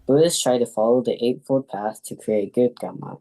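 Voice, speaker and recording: A man's voice: medium pitch, normal speed, dark tone, low-quality recording. A young man reading a prepared talk as a student presenter in a class.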